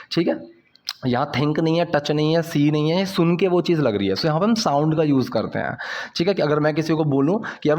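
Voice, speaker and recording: A man with an Indian accent gives a casual English lesson. He often stops to check "ठीक है?" and says English phrases very slowly. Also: on the high side, darkish tone. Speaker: English teacher.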